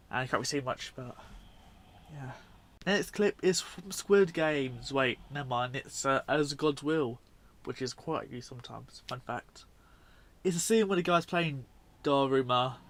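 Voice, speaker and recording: This male video host speaks in a mid-range, fairly bright voice. His commentary on the video clips is unscripted and casual, wandering along informally with frequent self-corrections.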